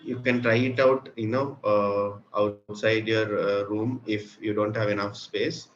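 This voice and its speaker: A man's voice: lowish voice, flat delivery, measured pace. A man with an Indian accent teaching a craft step by step, explaining simply and patiently to children and checking that they follow. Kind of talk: step-by-step spoken tutorial. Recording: muffled, with clearly audible room noise.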